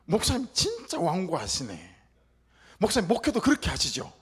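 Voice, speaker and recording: A woman's voice: on the low side, wildly swooping pitch, moderate pace, breathy edge, heavily acted. A male pastor voicing a blunt, sarcastic middle-aged church deaconess who needles with pointed questions.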